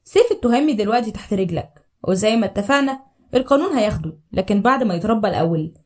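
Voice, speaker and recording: A woman's voice: mid-range voice, lively intonation, racing, a little mellow, pitched below the performer's own voice, lightly acted. A woman voicing an imposing older man in a storybook drama, speaking with dignified authority. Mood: commanding.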